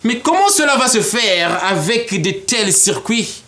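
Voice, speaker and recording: A man, a guest in an interview, explaining a political model in an animated way and often laughing. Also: high-pitched, unhurried. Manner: animated, acts out imagined dialogues, laughs often.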